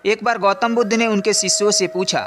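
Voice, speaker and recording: A man narrating a storybook in a calm, even, measured way. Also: high voice.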